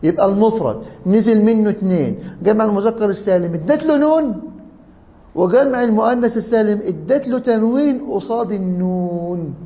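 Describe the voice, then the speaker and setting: Quick high-voiced Egyptian teacher. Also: male voice, dull audio. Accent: Egyptian Arabic. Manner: animated, jokey, asks the class questions. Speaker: teacher of Arabic grammar. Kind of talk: lively classroom grammar lesson.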